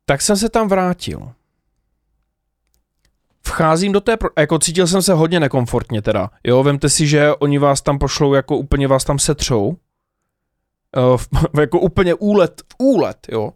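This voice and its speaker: Man vlogger, fairly high voice, chatty and halting storytelling, dry close sound. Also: no room sound. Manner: animated, lots of hesitations and laughs, addresses the viewers directly. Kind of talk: casual storytelling to camera.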